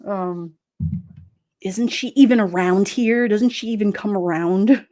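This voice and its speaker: A woman's voice: mid-range voice, a little slow, warm tone. Chatty New York woman, laughing often. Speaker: livestream host reading chat. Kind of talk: casual chat.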